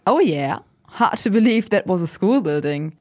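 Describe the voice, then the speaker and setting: A woman playing a friendly, curious oral-history interviewer in an audio drama, asking questions in an encouraging, expressive way. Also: medium pitch, moderate pace, natural voice. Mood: interested, engaged. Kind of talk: conversational interview acting.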